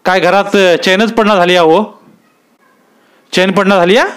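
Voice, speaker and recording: A man voicing a gruff older village elder who scolds in rustic village speech. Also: sits high, steady tone, measured pace, a bit bright, voice pushed up. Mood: gruff, scolding.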